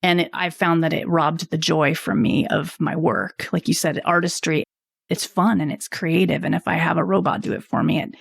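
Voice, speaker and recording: Casting note: woman guest, lowish voice, dry close recording, reflective, soft laughs. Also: fairly even intonation, normal speed, gravelly, breathy edge, no echo. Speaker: copywriter, podcast guest. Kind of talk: casual interview chat. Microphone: video call.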